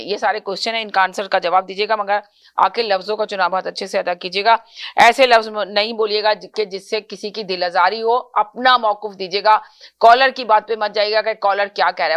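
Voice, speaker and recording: Earnest woman hosting a call-in show. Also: mid-range voice. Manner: earnest, questioning, frequent self-corrections. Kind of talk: political call-in talk show.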